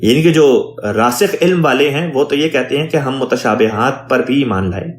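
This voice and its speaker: Echoey imam explaining scripture word by word. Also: male voice, medium pitch. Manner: reads Arabic phrases then explains each in Urdu, measured teaching tone. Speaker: imam teaching Quran translation. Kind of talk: word-by-word Quran translation lesson.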